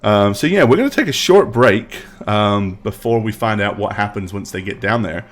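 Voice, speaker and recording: A man narrating as game master of a tabletop game, unhurried and hesitant, often pausing with "um". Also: lowish voice, lively intonation. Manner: unhurried, hesitant with frequent ums.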